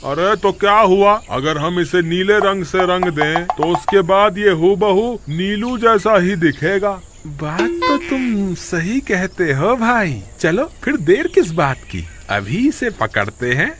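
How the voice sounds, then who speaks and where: Brief: a man as sly cartoon village crooks, wheedling, slightly high voice. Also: slow, noisy background. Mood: scheming. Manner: wheedling and excitable. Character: two scheming male village tricksters.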